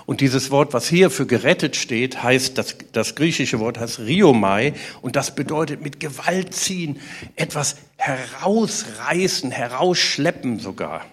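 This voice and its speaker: A man preaching a sermon to a congregation, animated and asking rhetorical questions. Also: medium pitch, measured pace, slightly rough.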